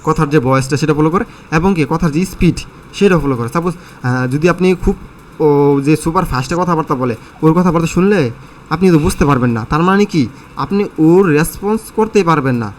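A man's voice: on the high side, a little fast, slight background noise. A man teaching an English listening lesson, explaining in a conversational way with many fillers and questions to his students.

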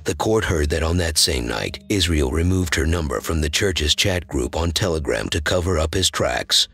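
A man narrating a true-crime documentary from a script in an even, solemn way. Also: a bass voice, moderate pace, vocal fry, breathy edge.

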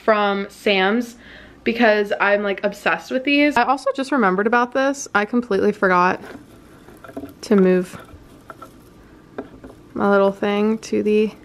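A woman's voice: medium pitch, unhurried, long pauses. A woman in her twenties chatting casually in a home vlog, saying "like" and "um" a lot and laughing often, filmed in her kitchen. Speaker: vlogger. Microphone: phone camera.

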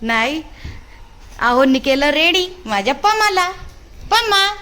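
High-voiced doting mother vlogging. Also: measured pace, a bit bright. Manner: chatty and doting, coaxing a small child. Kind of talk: casual family vlog narration.

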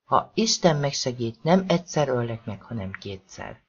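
A man voicing a brutal, menacing husband who hisses threats in the dark, in a storybook reading. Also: mid-range voice, sing-song, husky, highs cut off.

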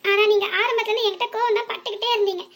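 Voice actor doing a squeaky, pleading young cartoon woman. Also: fairly even intonation, racing, a bit bright. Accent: southern Tamil. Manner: pleading, earnest. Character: frightened young village woman. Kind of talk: cartoon voice acting.

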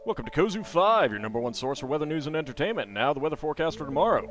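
An upbeat TV weather forecaster in a video game, put on by a man. He announces brightly and loudly with a lively, lifted pitch, over clear music. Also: racing. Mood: upbeat, announcing.

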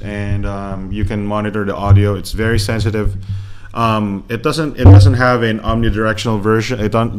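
A man with a slightly low voice chats through a gear review in a relaxed, rambling way. He trails off, restarts, and fills gaps with ums while speaking close to a desk microphone in a home room. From Philippines. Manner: rambling, many fillers and restarts. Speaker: tech reviewer. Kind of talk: casual unboxing commentary. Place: home room with laptop fan. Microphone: USB desk microphone held close.

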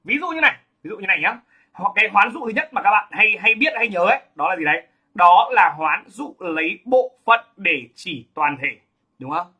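Emphatic male teacher, high, bright and husky voice; lectures while constantly checking that students follow. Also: lively intonation, normal speed. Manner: emphatic, keeps asking "đúng không?". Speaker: literature teacher.

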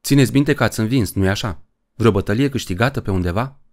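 A man's voice: on the low side, a little mellow, voice pushed up, lightly acted. A man voicing an eager, curious young boy in an audiobook.

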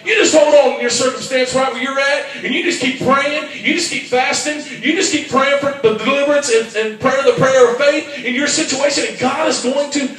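A man preaching a fervent sermon in church, swinging from quiet asides up to shouted, rhythmic calls. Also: very high voice, moderate pace, hardly any pauses, recorded from a distance. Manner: fervent, rising to shouts, call-and-response. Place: church sanctuary. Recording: very echoey church hall from afar.

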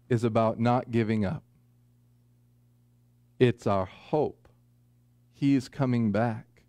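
A man in his forties preaching a sermon from a small church pulpit, earnest with folksy asides and slow, deliberate emphasis. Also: medium pitch, darkish tone, clean tone, dry recording. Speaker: pastor. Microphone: pulpit microphone, far camera.

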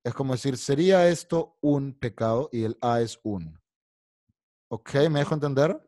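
Brief: bilingual male teacher, mid pitch, dry sound, patient step-by-step explainer on a video call. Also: normal speed, dark tone, no room sound. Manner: explains patiently, mixing Spanish and English. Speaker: English teacher. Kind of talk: online English class.

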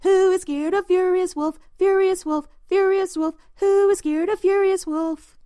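A woman voicing three little pigs who chant and refuse the wolf in a high, loud sing-song. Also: animated, slow pace, no echo, exaggerated voice. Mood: taunting. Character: three cheeky little pigs, small and defiant. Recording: dry close recording.

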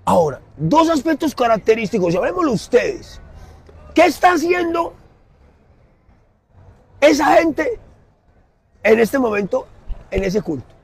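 A middle-aged man with a Colombian Spanish accent preaching emphatically in an outdoor city plaza, swinging from loud to soft. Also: very high-pitched, sing-song, measured pace, gravelly, pauses often, husky. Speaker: street preacher. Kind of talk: impassioned street sermon.

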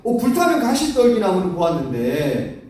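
A man's voice: sits high, huge pitch swings, normal speed, a little mellow. A man preaching a children's sermon, telling a Bible story with animation and asking the children questions, recorded from far off in a church hall. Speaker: children's pastor. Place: church sanctuary.

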